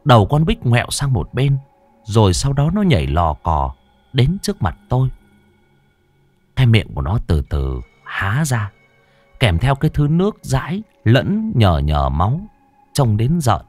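A man's voice: medium pitch, huge pitch swings, unhurried, darkish tone, no room sound, soft background music. A man reading a ghost story aloud with a dramatic, suspenseful delivery. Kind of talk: scripted horror narration.

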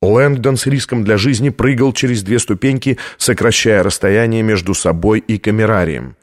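Man narrating a tense audiobook. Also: mid-range voice. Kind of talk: scripted narration.

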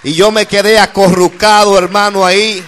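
A middle-aged man with a Dominican accent preaches in a high, bright-pitched voice. He speaks as a pastor giving fervent testimony, turning often to his listeners as brother. His sermon delivery is earnest and building. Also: level tone, normal speed, slight background noise.

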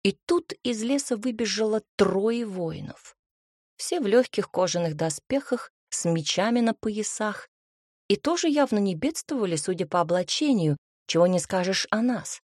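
Woman, audiobook narrator, breathy voice, dry close sound, lively reading. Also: mid-range voice, normal speed, no room sound. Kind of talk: first-person fantasy audiobook narration.

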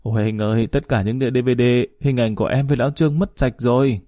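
A man voicing a fiery, sharp-tongued young woman in a spoken story. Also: medium pitch, quick pace, dry recording, clean studio sound, faint music behind, close to an everyday voice. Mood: distraught.

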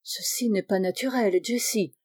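A woman reading the part of a middle-aged father who exclaims loudly in an audiobook. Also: medium pitch, normal speed, lightly acted. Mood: alarmed. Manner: loud, exclaiming. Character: panicking middle-aged father, loud and jovial.

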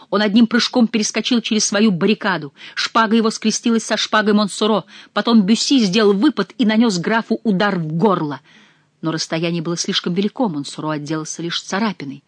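Woman reading an old adventure novel, steady, mid voice, super dry sound. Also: medium pitch, a little fast, no echo. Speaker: audiobook narrator. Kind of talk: scripted narration.

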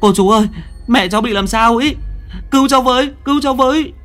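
A man's voice: fast talker, fairly bright tone, faint music behind. A man voicing a panicked young boy crying out for help in a ghost story. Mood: terrified. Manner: high frantic screams.

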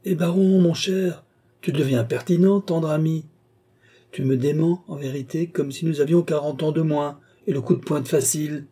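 A man's voice: fairly high pitch, fairly even intonation, normal speed, mellow, slightly rough, pitched above the performer's own voice. A man voicing a vain old duke and marshal who answers his friend with ironic, theatrical insistence. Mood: mock-offended.

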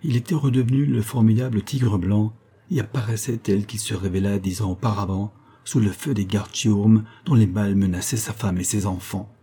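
In a calm, even manner, a man narrates a classic novel for an audiobook. He speaks at a fairly low pitch with a husky quality.

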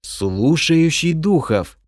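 A man voicing a shy, placid bald male elf who drawls slowly, in an audiobook. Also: fairly high pitch, very animated, no echo, studio quality, voice pushed up. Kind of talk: audiobook character voice.

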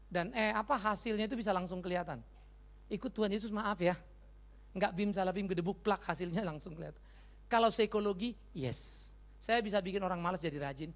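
A man's voice: sits high, vocal fry. A middle-aged male pastor preaching in a casual, slangy way, acting out little dialogues in changing voices and dropping in English phrases. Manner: lively storyteller who acts out dialogue in changing voices. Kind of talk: conversational sermon.

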